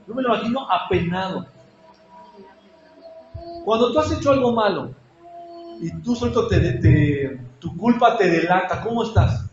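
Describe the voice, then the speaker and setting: A man's voice: high-pitched, expressive, normal speed, pauses often, soft background music. A man preaching a sermon in a church, asking his congregation questions and acting out prayers with feeling. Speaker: pastor. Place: church hall. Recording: echoey church hall, dull lo-fi sound.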